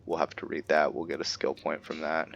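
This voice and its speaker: Brisk and very deep, with little pitch movement, this gaming video host talks through his game casually and without a script, wondering aloud to himself in a tentative way. Background noise comes through clearly in the muffled recording.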